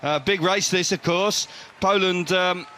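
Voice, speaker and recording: A man giving expert live motorsport commentary with an animated, emphatic delivery. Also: high-pitched, a little slow, slight background noise. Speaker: expert co-commentator, former rider.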